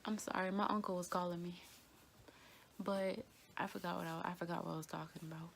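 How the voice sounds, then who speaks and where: A young woman talking in a halting, quiet way, tearful and grieving, often repeating herself. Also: lowish voice, fairly even intonation, vocal fry, a little hiss or hum. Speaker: vlogger. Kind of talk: emotional personal vlog.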